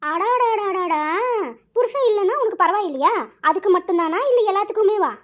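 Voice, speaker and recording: Brief: woman doing a very high, fast-talking scornful cartoon aunt, rapid-fire taunts. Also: lo-fi sound. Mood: scolding. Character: quarrelsome middle-aged aunt, sharp-tongued and scornful. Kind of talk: animated cartoon voice acting.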